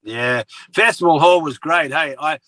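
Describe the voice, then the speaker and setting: An older Australian man who once wrestled and acted co-hosts a casual interview, chatty and joking, sometimes trailing off while he searches for names. His voice leans high and sharp, and he speaks unhurriedly in a dry recording with no room sound.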